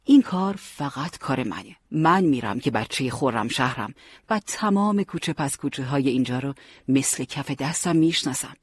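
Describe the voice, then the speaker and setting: A man voicing a brave, witty young male fighter who jokes and speaks earnestly, with a husky voice. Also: mid-range voice, lively intonation, dry recording. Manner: joking, earnest.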